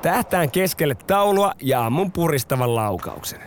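A man hosting a podcast, narrating a scripted true story with expressive delivery. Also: a little high, heavy background noise.

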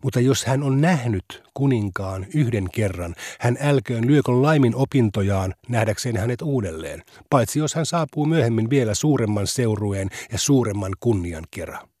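Male reader, mid pitch, steady scripted reading of religious law, dry booth. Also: few pauses, no echo. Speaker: reader of a translated legal text. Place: radio studio.

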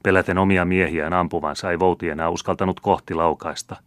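Deep-voiced male audiobook narrator. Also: steady tone, fairly bright tone, dry recording. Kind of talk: scripted narration.

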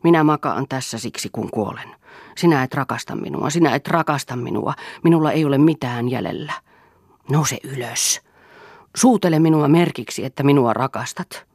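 A woman's voice: very deep voice, a little mellow, slightly rough, no room sound, clean studio sound. A woman reading the part of a desperate young man who pleads melodramatically for love. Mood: pleading. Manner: imploring, melodramatic.

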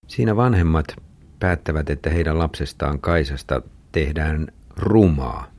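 A man with an extremely deep voice gives thoughtful commentary as the host of a book review. His delivery is calm and evaluative.

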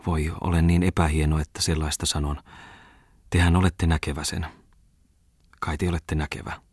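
A man's voice: extremely low pitch, flat delivery, slightly rough, dry recording, studio quality, heavily acted. A man reading Svea, an anxious young woman. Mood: ashamed. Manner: hesitant, pleading, soft.

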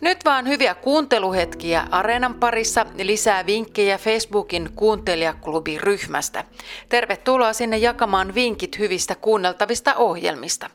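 A woman radio host reading scripted introductions in a smooth, even manner. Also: medium pitch, soft background music. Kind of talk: scripted presenting.

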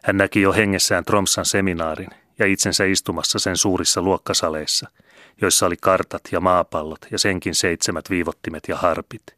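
A man calmly reading a novel aloud as an audiobook narrator. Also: sits low, no room sound, clean studio sound. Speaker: audiobook reader. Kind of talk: scripted narration.

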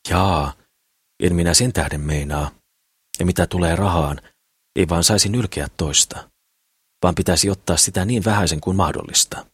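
A man's voice: low-pitched, pauses often, slightly rough, no room sound, studio quality. A man reading the lines of a naive, idealistic poor man in an audiobook, in an eager, rambling way.

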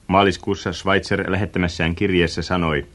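A man narrating a radio travel reportage in a measured, descriptive and reflective way. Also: deep voice, flat delivery, fairly bright tone.

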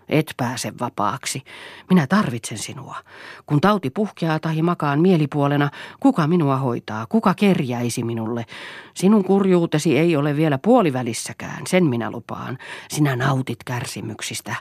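Woman acting a bitter spiteful husband, snarling, loud, bullying, audiobook, dry close sound. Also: extremely low pitch, animated, no echo, heavily acted. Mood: menacing.

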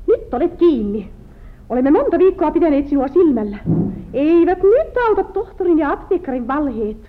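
Martta, a weeping jealous farm wife. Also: female voice, high-pitched, sing-song. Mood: accusing. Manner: tearful, accusing, fragile. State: crying. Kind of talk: 1940s film drama acting. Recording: tinny old 1940s film soundtrack.

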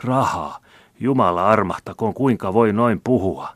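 A man's voice: low-pitched, no echo, pitched above the performer's own voice, close to an everyday voice. A man reading aloud and voicing a greedy old male miser who pleads and whines in self-pity. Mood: frightened denial. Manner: wheedling, self-pitying pleading.

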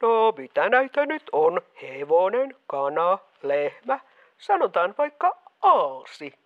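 A woman's voice: lowish voice, sing-song, narrow, tinny audio. A woman playing a stubborn, meddling mother who keeps calling a radio quiz under fake voices, in a comedy sketch. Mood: disguised. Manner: stubborn, pushy. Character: meddling mother faking several callers' voices. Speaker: caller, the host's mother in disguise.

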